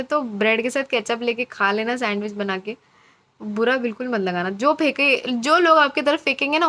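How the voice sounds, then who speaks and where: Woman doing a spiritual reading, fairly high voice, chatty and encouraging, repeats herself a lot. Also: sharp tone. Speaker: intuitive card reader. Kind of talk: casual spiritual reading to viewers.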